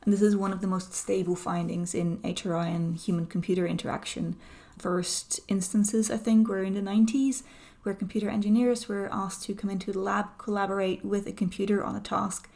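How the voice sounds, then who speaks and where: A woman explains research findings in an easygoing, story-led way. Her mid-pitched voice carries a noticeable gravelly fry, and she adds small dry jokes as she goes. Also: a little fast. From Netherlands. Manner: lively, anecdotal, lightly humorous. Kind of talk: conversational explanation.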